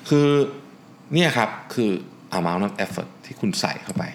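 A man's voice: sits low, lively intonation, measured pace, gravelly, a little hiss or hum. A man hosting a podcast, giving an earnest solo talk and repeating his key points for emphasis. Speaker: podcast host.

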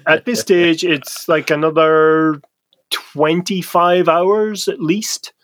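A man's voice: on the high side, fairly even intonation, takes it slowly, fairly bright tone, no echo. A man co-hosting a podcast in casual chat, sardonic and given to swearing and jokes. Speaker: podcast co-host.

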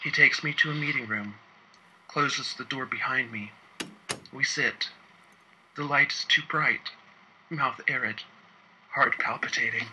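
A man telling a wry first-person story about his work as an inspector, moving between quick asides and slow, emphatic phrasing. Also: mid-range voice, bright, forceful tone, slight background noise, rough recording.

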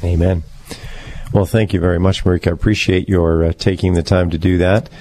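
Guy hosting a radio show, really low voice, lots of uhs, studio. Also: flat delivery, dark tone. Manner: measured, with many fillers. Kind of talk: radio interview.

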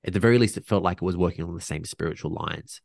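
A man's voice: sits low, fast talker, creaky, a little mellow, dry recording, clean studio sound. A man speaking as a podcast guest in casual conversation, reflective and earnest, restarting sentences often and sprinkling in slang.

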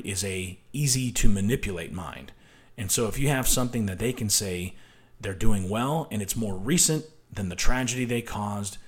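Male host, political commentary monologue; combative, emphatic, lowish voice. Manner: emphatic, combative, repeats "right?".

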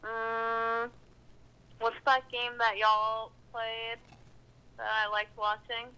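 A woman speaking over a phone on speaker, answering casually in unhurried, drawn-out replies. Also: a little high, little pitch movement, sharp tone, clear, resonant tone, muffled recording, faint music behind. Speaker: podcast host's girlfriend, phoned in. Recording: distant speakerphone sound.

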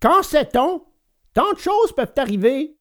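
A woman voicing a patient, kindly old woodcarver in a storybook reading, slow and gentle, giving little lessons. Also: a little high, sing-song. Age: older.

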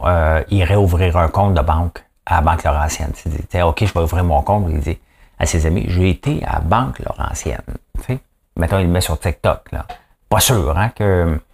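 A man with a Québécois accent rants through the news in a folksy, emphatic way, firing off rhetorical questions and playing out little quoted exchanges. His voice sits very low and deep. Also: a little mellow. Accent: Québécois French. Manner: acts out quoted voices mid-rant. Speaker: podcast host. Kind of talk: opinionated news commentary.

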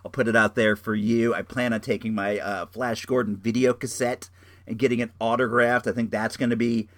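A man's voice: mid-range voice, flat delivery, brisk, a bit bright, dry recording. A middle-aged man hosting a show with casual, rambling reviews, enthusiastic and slangy, often repeating his phrases. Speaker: show host.

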